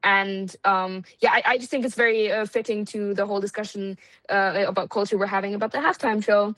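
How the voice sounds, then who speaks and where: A woman guesting on a podcast in casual chat, talking in a relaxed, hesitant way with many pauses to find her words. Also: mid-range voice, dry recording, rough recording.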